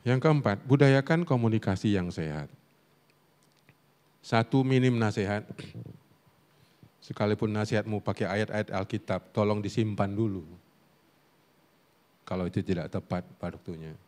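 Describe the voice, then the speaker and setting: A man's voice: lowish voice, moderate pace, pauses often. A middle-aged man preaching a humorous sermon on family life at a church Sunday service. He tells stories, asks the congregation questions and laughs along with them. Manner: animated storytelling with audience questions and laughter. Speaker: guest preacher and counselor.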